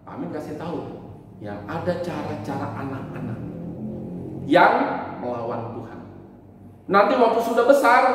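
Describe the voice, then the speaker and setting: Pastor guy preaching to kids, voice jumps all over, kinda high, big echoey hall, mic way off. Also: far from the mic, slight background noise. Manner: animated, asks the children questions and acts out little voices. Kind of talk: children's Sunday school sermon. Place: church hall.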